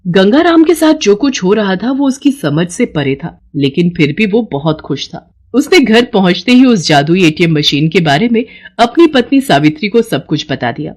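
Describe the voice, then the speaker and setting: A woman reads a scripted children's story aloud with expressive, storyteller flair, her voice in the mid range and her pace moderate.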